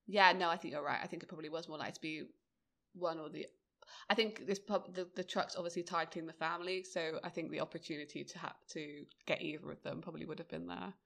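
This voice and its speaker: A woman's voice: sits low, steady tone, fast, creaky, fairly bright tone. A woman co-hosting a podcast, chatting easily about a TV episode with lots of fillers and laughter. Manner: easygoing, laughs often, many fillers. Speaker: podcast co-host. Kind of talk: casual chat recapping a TV episode.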